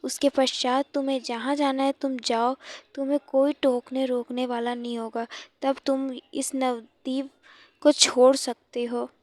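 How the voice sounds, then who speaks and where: A woman's voice: sits high, little pitch movement, measured pace, dry recording. A woman voicing a grieving widowed mother who pleads tearfully with her son in a devotional story. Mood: anguished.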